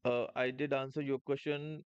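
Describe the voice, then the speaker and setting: A man's voice: medium pitch, level tone, moderate pace, clean tone. A man hosts a live trading stream, walking viewers through charts and chat questions in an explanatory way, with plenty of filler sounds. His mid-range voice comes through dull and lo-fi. The sound is dry, with no room echo. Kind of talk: live market commentary answering chat.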